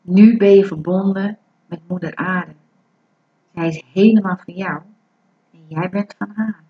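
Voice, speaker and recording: A woman guiding a breathing meditation in a calm, soothing, instructive way. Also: mid-range voice, unhurried. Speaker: meditation guide. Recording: dull lo-fi recording.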